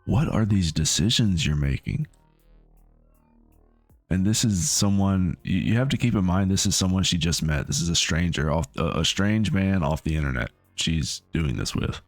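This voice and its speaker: A man with a low, expressive voice hosts a reaction video, talking back at a clip in disbelief. His incredulous commentary is halting, often stopping and restarting sentences. There's no room sound, just faint music behind him.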